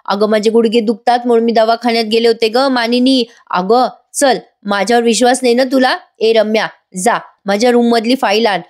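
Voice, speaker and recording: A woman's voice: on the high side, fairly even intonation, normal speed, few pauses, voice pushed up, close to an everyday voice. A woman voicing a scheming middle-aged aunt in a TV serial recap, with wailing, pleading reproaches. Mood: indignant.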